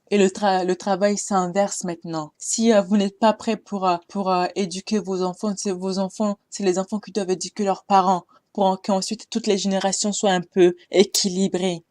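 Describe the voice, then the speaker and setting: A woman's voice: medium pitch, a little mellow, dry recording. A young woman giving a casual storytime monologue, exhorting her listeners with passion and many hesitations. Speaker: storyteller addressing her audience.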